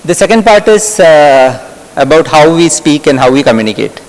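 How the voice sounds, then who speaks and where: A man's voice: fairly high pitch, sing-song, moderate pace. A middle-aged man from Kerala with a Malayali English accent, giving a conversational workshop lecture and putting questions to his audience. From Kerala, India. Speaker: medical lecturer. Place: lecture hall. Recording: lecture hall reverb.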